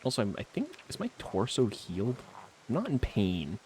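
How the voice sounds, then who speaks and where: A man's voice: medium pitch, huge pitch swings, normal speed, a little mellow, slight background noise. A man streaming a video game, chatting to himself in a laid-back, rambling way. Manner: laid-back, rambling self-talk with frequent trailing fillers. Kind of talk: casual gameplay commentary.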